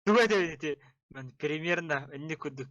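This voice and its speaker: A young man in casual, excitable banter over a game, full of slang and swearing. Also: fairly high pitch, moderate pace, no room sound, dull audio. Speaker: co-commentator on a game stream.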